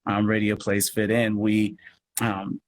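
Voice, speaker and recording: An American audio drama producer and actor appears as a guest on a live social media video call, talking casually in a rambling, self-effacing manner. His voice is on the low side, monotone, and slow. The call audio is noisy.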